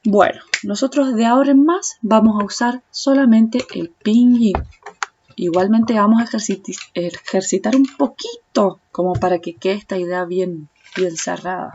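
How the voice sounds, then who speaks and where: A woman with a Rioplatense Spanish accent who teaches Chinese in a patient tutorial, repeating sounds slowly and speaking directly to the viewer. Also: medium pitch, darkish tone, muffled recording, a little hiss or hum. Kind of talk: slow step-by-step tutorial explanation.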